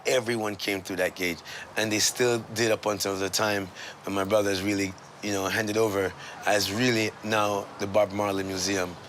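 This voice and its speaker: A middle-aged Jamaican man telling relaxed stories, laughing often and trailing off as he talks. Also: on the low side, normal speed, a little hiss or hum. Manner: laid-back, laughs often, trails off and restarts. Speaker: son of the musician, tour guide. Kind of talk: relaxed storytelling.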